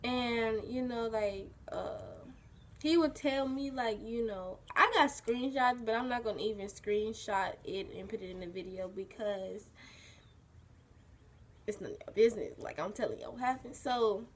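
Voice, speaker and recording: A teenage girl with a husky just-woken-up voice, telling a personal story as a vlogger in a rambling casual way, full of "like" and "you know". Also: a little high, moderate pace, a little hiss or hum. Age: teens.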